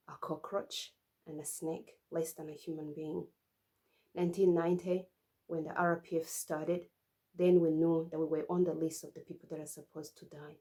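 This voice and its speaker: A woman in her forties from Rwanda, giving personal testimony at a commemoration in a steady, measured way, in short phrases. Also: sits low. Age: 40s.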